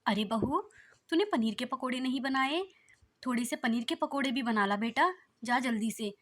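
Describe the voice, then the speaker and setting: A woman's voice: a little high, expressive, moderate pace, fairly bright tone, pitched above the performer's own voice. A woman voicing a bossy older mother-in-law who scolds and gives orders. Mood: teasing. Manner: commanding, scolding.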